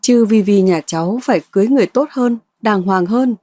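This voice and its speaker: A bold young woman with a cutting, scornful tongue, read by a woman in a storybook. Her voice is dark and husky, recorded dry and close. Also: medium pitch, a little fast, no echo, close to an everyday voice.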